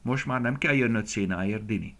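A man voicing a kind, eager young schoolboy in a storybook, speaking brightly and sometimes whispering gently. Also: fairly low pitch, gravelly.

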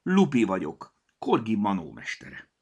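A man's voice: fairly low pitch, huge pitch swings, a little mellow, husky, exaggerated voice. A man voicing a fussy, self-important little elf master in a storybook reading. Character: small proud elf master, bustling.

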